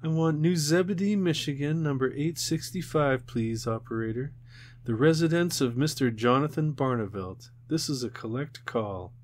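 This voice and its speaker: A man's voice: on the high side, moderate pace, pitched above the performer's own voice, lightly acted. A man voicing a determined, impatient young girl, raising his voice into an eager, exasperated tone for her lines.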